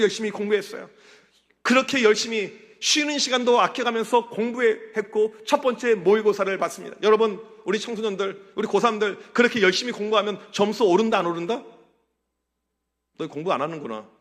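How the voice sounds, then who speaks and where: A man in his forties, a pastor giving an animated sermon to a youth group, telling his story and quizzing the teens. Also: high voice. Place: church sanctuary. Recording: church hall reverb.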